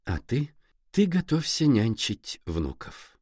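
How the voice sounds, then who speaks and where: A man reading a calm, soft-spoken young woman. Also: medium pitch, slightly rough, no echo, studio quality, full character voice. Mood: gentle. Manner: soft, hushed and measured. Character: calm young woman tutor, gentle and composed. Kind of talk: audiobook character reading.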